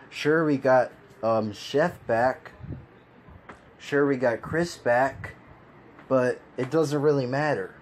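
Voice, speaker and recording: Man, frustrated ranting commentary, mid-pitched voice, faint background hiss. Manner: frustrated, exasperated ranting with sighs and laughs. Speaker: video commentator.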